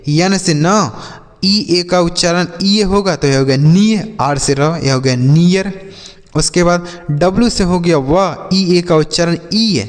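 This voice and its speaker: A man's voice: sits high, takes it slowly, in a large hall. A male teacher giving a classroom-style phonics lesson, calling his viewers children and drilling each rule with repeated questions and answers.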